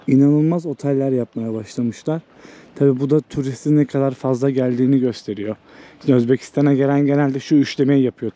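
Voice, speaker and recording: This travel vlogger and host has a mellow, mid-range voice. Walking outdoors through an old walled town, he thinks aloud in a casual, unscripted, conversational way, with city ambience and background noise around him.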